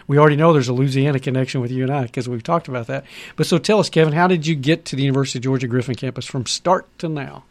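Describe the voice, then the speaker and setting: A man's voice: mid-range voice, a little mellow. Rambling male radio host. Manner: rambling, restarts his sentences. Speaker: radio show host, campus head. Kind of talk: radio interview hosting.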